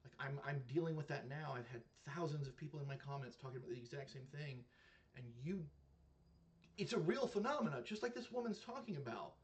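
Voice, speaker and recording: A man's voice: on the high side, lively intonation, brisk. Earnest man talking to camera. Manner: earnest, conversational, with many "like" fillers and restarts. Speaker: reaction video creator. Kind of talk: casual reaction commentary.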